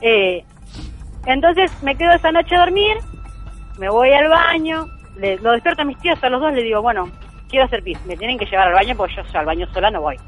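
A woman's voice: a little high, animated, a little fast, soft background music, low-quality recording. A woman with an Argentine accent telling a true ghost story as a guest, earnest and emphatic, repeating key phrases. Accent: Argentine Spanish.

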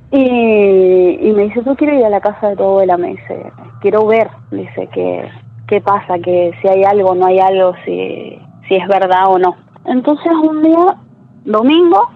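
A woman, a caller telling a true story in a chatty way with lots of tag questions. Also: mid-range voice. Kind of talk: casual storytelling. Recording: tinny phone line with faint noise.

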